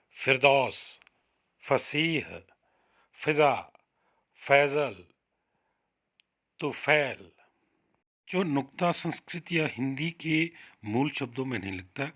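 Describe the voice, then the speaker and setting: A man teaching a Hindi grammar lesson to children, sounding out each example word slowly and with emphasis. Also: mid-range voice, sharp tone. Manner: slow, drawn-out, emphatic pronunciation of example words; addresses children directly.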